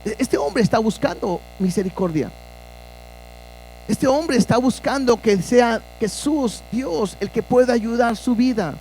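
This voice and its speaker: A man's voice: very high voice, a little slow, darkish tone, slight background noise, rough recording. A man preaching a sermon as pastor, earnest and asking his listeners direct questions.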